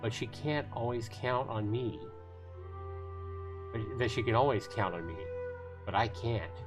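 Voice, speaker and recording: Guitar music accompanies a man's unhurried, mid-range reading of visual novel narration during a livestream. He tells it dramatically, with the odd stumble.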